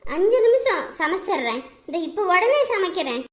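A high, bright-toned woman's voice carries the warmth of a grieving elder sister from a. She speaks tenderly and pleadingly, her voice set in an echoey room. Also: big pitch swings, normal speed. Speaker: actress in a family drama. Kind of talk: emotional village drama dialogue.

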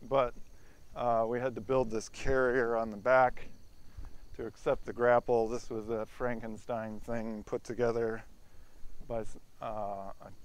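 Slow, even-toned man giving a tour. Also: mid-range voice, smooth. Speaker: sawmill owner giving a tour. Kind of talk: casual walk-through tour narration. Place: outdoors around a sawmill yard, later inside a large former riding arena.

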